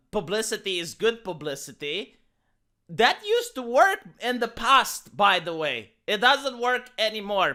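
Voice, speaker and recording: A man's voice: high-pitched, bright, forceful tone, clear, resonant tone. A YouTuber man ranting in sarcastic, indignant commentary, often repeating words as he gets worked up.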